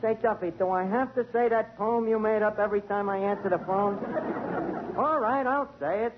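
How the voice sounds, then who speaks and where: Archie, the streetwise tavern manager of a 1940s radio comedy, is voiced by a man with a high voice at normal speed, full of wisecracks. The old broadcast sounds muffled and noisy.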